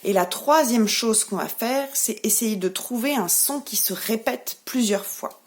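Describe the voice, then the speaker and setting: A woman with a French accent, a preschool teacher giving a remote lesson to young children, speaking gently and articulating each word clearly as she leads them through clapping syllables. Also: fairly high pitch, a little slow.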